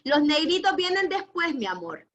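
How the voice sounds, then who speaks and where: A woman's voice: high-pitched, very animated, moderate pace, fairly bright tone. A woman teacher giving an online class, patient and affectionate, asking the class questions.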